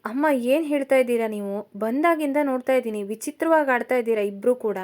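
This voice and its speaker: A brooding young man, as a woman reads him in a storybook tale, curt and impatient. His questions come out quick and pressing, a little high and lively. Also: natural voice.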